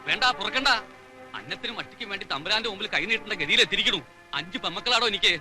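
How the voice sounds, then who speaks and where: A curt, bitter family elder. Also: male voice, high voice, lively intonation, rapid-fire, over music. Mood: defensive. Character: proud defensive head of an old family. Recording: film soundtrack with faint score.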